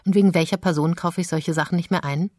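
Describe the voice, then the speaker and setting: Woman voicing a strict cold mother in an audiobook, low voice, soft delicate tone, scolding, dry studio sound. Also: fairly even intonation, fast talker, dry recording, lightly acted. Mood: reproachful. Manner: scolding, accusing questions. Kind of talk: audiobook reading.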